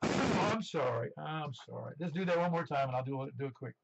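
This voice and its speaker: A man's voice: a little high, animated, fairly quick, creaky, very noisy. A man in his seventies running an amateur radio net in a chatty, rambling, easygoing way, heard over a two-way radio. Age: 70s. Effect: two-way radio transmission. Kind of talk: casual radio net check-in talk. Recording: dull band-limited ham radio audio.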